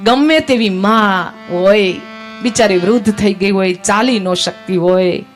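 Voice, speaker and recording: A woman's voice: mid-range voice, measured pace, soft background music. Woman telling a devotional story dramatically. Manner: dramatic, voices the characters, addresses listeners. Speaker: religious storyteller.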